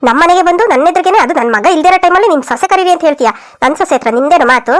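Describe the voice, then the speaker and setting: A woman's voice: very high-pitched, animated, racing. A woman voicing several quarrelsome village women in a cartoon comedy, scolding and wailing dramatically.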